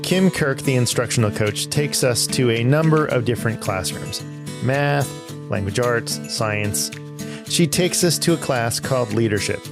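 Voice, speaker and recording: A man narrating his visit to schools as a podcast host, in a measured, reflective storytelling style. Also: medium pitch, expressive, creaky. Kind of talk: scripted narration. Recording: narration over guitar music. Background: guitar music.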